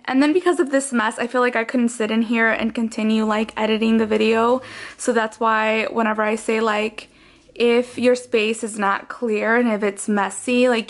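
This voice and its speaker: A young woman vlogger narrating her cleaning day in a chatty, gushing voice-over, full of "like"s. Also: fairly high pitch. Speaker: lifestyle vlogger.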